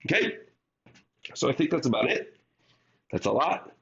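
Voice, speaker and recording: A man's voice: on the high side, animated, moderate pace, gravelly, a bit bright, slightly rough, highs cut off. A man teaching a recorded math lesson while under the weather, explaining step by step and speaking directly to his students.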